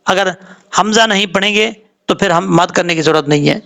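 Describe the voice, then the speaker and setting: A man with a Pakistani Urdu accent teaching Quran recitation word by word. He spells out letters and vowel marks slowly, then explains the rules quickly. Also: high-pitched, gravelly, sharp tone.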